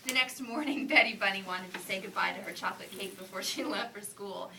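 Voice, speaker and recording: A woman reading a children's picture book aloud, putting on lively character voices and dropping into soft whispered asides. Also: medium pitch, brisk, gravelly, distant mic, noisy background. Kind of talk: read-aloud storytelling.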